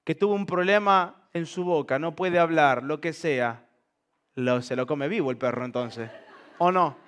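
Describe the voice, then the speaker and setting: A male pastor preaches to a live congregation. His voice sits a touch high for a man. He keeps it lively and joking and throws questions at the room. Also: unhurried, clear, resonant tone. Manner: lively, humorous, asks the congregation rhetorical questions. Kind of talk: sermon. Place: church service before a congregation.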